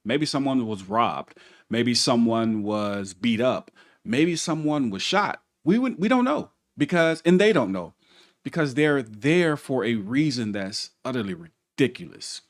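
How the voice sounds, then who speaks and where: A man's voice: mid-range voice, animated, a little slow. A man hosts a commentary on a video and makes his critical points with emphasis, often repeating them. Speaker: host and commentator.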